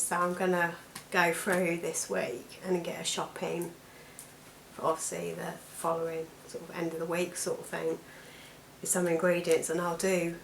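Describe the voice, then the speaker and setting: A British woman with a croaky, allergy-affected voice, chatting casually to camera as a weight loss vlogger. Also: on the low side. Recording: echoey room with background noise.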